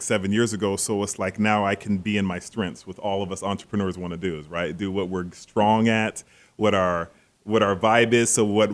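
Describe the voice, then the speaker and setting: A man in his thirties from Seattle, a guest talking casually about his business in a relaxed, rambling way. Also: fairly low pitch. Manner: relaxed, rambling storyteller, laughs easily. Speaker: guest, social media agency owner. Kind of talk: casual chat.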